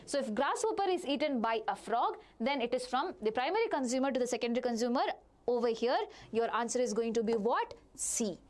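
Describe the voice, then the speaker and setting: A woman's voice: on the high side, brisk. A woman with an Indian accent teaching a live online lesson, repeating phrases, asking questions and answering them herself while addressing students directly. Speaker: biology teacher.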